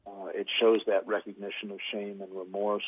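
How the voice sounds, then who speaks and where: A male defense attorney argues in court, hesitant with many fillers. His voice is low, husky and flat, heard through a tinny, phone-like line. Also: moderate pace, no room sound. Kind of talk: courtroom argument.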